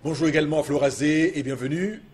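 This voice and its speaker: Husky man hosting a morning show. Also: on the high side, quick pace, darkish tone. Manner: hesitant, many fillers, introducing guests. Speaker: TV host.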